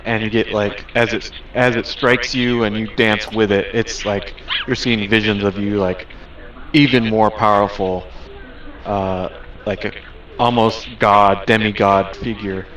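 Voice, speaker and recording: A man narrating a tabletop game as game master, improvising and pausing to find words. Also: fairly low pitch, steady tone, fairly bright tone. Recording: distant microphone.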